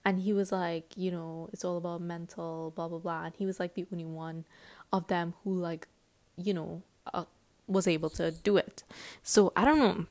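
A woman's voice: on the low side, moderate pace. A woman hosting a casual solo podcast, rambling and giggly, with lots of fillers. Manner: rambling and chatty, heavy with fillers; giggly and excitable. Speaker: podcast host.

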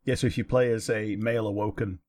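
A man's voice: lowish voice, steady tone, quick pace, a little mellow, no room sound. Dry-sounding man in casual chat. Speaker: podcast co-host. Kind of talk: casual watch-along chat.

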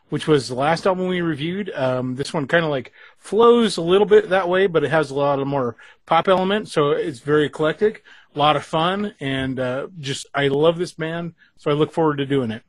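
A man co-hosting a casual music review show, easygoing and quick to laugh, explaining things in a halting way. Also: a little high, no room sound. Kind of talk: casual chat.

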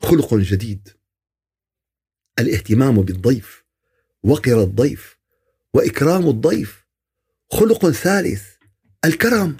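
A man's voice: mid-range voice, animated, a little slow, pauses often, a little mellow, slightly rough. A man giving a podcast religious talk, asking rhetorical questions and answering them himself. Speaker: religious speaker.

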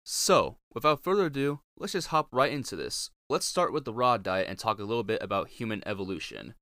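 A man's voice: fairly low pitch, animated, brisk, pushed and bright, no room sound, clean studio sound. A man hosting a podcast in a casual, blunt, informal monologue, recorded in a closet at home. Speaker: podcast host. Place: small closet in a home bedroom.

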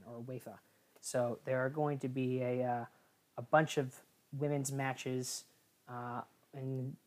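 A woman with a remarkably low, deep voice co-hosts a casual sports podcast. She rambles through the news roundup, pausing often on fillers and correcting herself as she goes. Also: darkish tone. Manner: rambling with frequent filler pauses and self-corrections. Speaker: podcast co-host.

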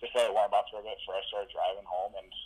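A young man from Minnesota, a hockey player and podcast guest, telling a story casually, relaxed and rambling, with lots of fillers. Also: fairly low pitch, very fast, rough recording. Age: young adult.

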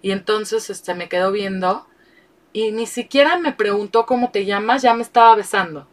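Brief: middle-aged Mexican woman guest, candid and animated, sits back from the mic. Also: mid-range voice, normal speed. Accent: Mexican Spanish. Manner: animated, frank, laughs often. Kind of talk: candid storytelling. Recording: voice distant from the mic.

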